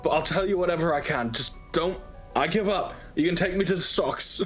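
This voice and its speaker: A man's voice: fairly high pitch, brisk, a bit bright, faint music behind, voice pushed up, natural voice. A man voicing a cowardly male crossbow guard who surrenders, talking in a frantic, pleading way.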